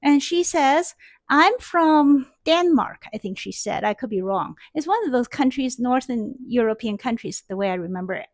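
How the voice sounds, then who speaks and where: In a dry recording, a middle-aged female math teacher with a high-sitting voice rambles through an anecdote at a moderate pace, wearing a headset mic before the whiteboard. It's an informal story-lecture, packed with fillers and false starts as she gestures animatedly.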